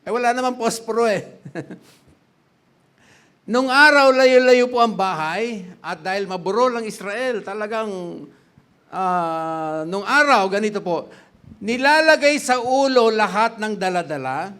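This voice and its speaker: A middle-aged male pastor from the Philippines gives a sermon in a notably high voice. He speaks slowly and deliberately, chats and laughs along the way, and keeps turning to the congregation with questions, mixing English into his talk. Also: fairly bright tone, clear, resonant tone. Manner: chatty, laughs often, quizzes the congregation, mixes English in.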